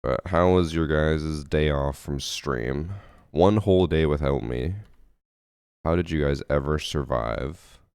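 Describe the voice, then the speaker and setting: A game streamer chats casually from home and reads his chat aloud, sounding sniffly and congested from lack of sleep after a late night. His rumbling low voice is gravelly, a little mellow and clean in tone, and he takes it slowly with a laid-back, self-mocking manner. The recording is dry, with clean studio sound.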